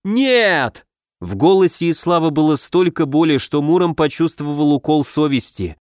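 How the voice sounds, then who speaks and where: A man's voice: a little high, animated, normal speed, darkish tone, no echo, clean studio sound. A man narrating a fantasy audiobook in a scripted reading voice.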